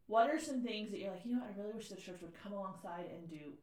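A woman co-hosting a casual faith podcast, chatty and quick to laugh as she asks questions. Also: mid-range voice, animated, darkish tone, reverberant, distant mic, slight background noise. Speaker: podcast co-host. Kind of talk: casual chat.

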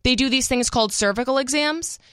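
Earnest woman co-host, smooth voice. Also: high-pitched, a little fast, a bit bright, no room sound, clean studio sound. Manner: earnest, explains at length. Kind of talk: casual talk radio chat. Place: radio studio. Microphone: studio microphone.

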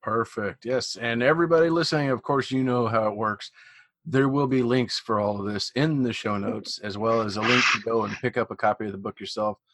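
A man's voice: medium pitch, fairly even intonation, brisk, a bit bright, slight background noise. A man with a Missouri accent, a twang, chatting casually and effusively as the host of an interview podcast.

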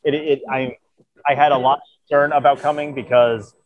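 A man's voice: mid-range voice, flat delivery, brisk, poor audio. A man hosting a podcast from a convention, in a casual chat, tired and losing his voice, earnest and grateful. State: tired, voice wearing out. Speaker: podcast host.

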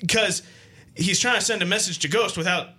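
An American man chats through hockey analysis as a podcast co-host. His voice is bright and a little high for a man, and he often doubles back on words while making a point. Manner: halting, repeats words as he explains.

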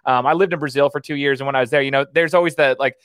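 Fast-talking man, enthusiastic podcast host. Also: mid-range voice, fairly even intonation, fairly bright tone, no room sound, clean studio sound. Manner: enthusiastic, rambling. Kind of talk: casual interview chat.

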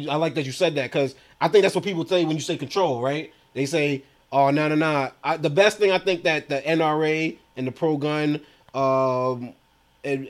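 A man with a high, bright-edged voice co-hosts a casual podcast. He talks in loose slang and keeps breaking into laughter. His stories come out animated and loose. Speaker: podcast co-host. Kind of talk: casual chat.

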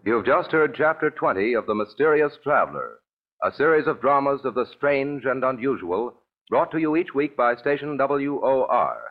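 A man's voice: medium pitch, animated, normal speed, soft background music. A man with an American accent announcing in the manner of a 1940s old radio announcer, reading scripted credits. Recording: tinny narrow-band vintage radio recording.

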